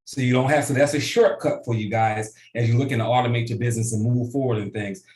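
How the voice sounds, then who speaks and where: A man coaching a business group through a software tutorial on a video call, casual and often checking in with "right?". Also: mid-range voice, steady tone, fast, echoey room. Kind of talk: online tutorial training.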